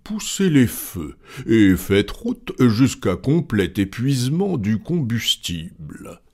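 A man playing a cool, formal gentleman from a storybook, giving orders in slow, measured phrases. The voice stays unruffled, with a gravelly, husky grain underneath. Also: medium pitch, big pitch swings, pitched above the performer's own voice, heavily acted. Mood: calm. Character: imperturbably calm English gentleman, male, middle-aged.

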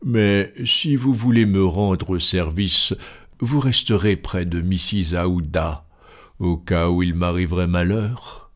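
A man reading as a cool, resolute gentleman. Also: low-pitched. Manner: calm, cold, measured. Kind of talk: audiobook reading.

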